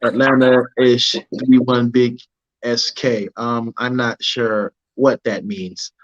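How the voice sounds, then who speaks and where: A man's voice: medium pitch, little pitch movement, takes it slowly, highs cut off. Laid-back man hosting a livestream. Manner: laid-back, keeps asking "you know what I'm saying". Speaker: livestream host. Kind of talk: casual livestream talk, reading viewer comments.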